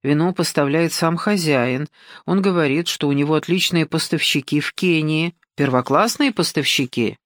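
A woman's voice: low-pitched, moderate pace, no echo, clean studio sound, natural voice. A woman reading an audiobook and voicing a nervous, bewildered young male cook who speaks hesitantly. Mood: anxious. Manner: hesitant, anxious.

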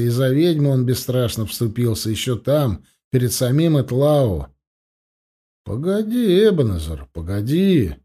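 A man narrating a fantasy audiobook in an expressive storytelling manner. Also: mid-range voice.

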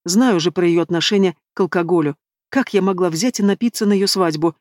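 A woman narrating a fantasy novel in the first person, in an even storytelling manner, close to the microphone. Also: on the low side, a little fast, no room sound. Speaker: audiobook narrator.

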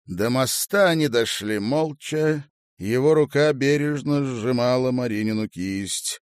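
A man narrating a novel in a measured, even storytelling manner. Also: medium pitch, clean tone, no room sound, studio quality.

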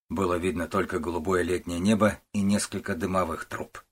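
A man narrating a novel as an audiobook in a steady, measured reading. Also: deep voice, breathy edge. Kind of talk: scripted narration.

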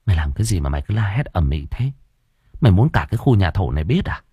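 Brash, excitable young woman with a crude mouth, read by a male narrator, lively swinging pitch, dry sound. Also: a little fast, breathy edge, no echo, dull audio. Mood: blunt. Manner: loud, blunt, crude talk.

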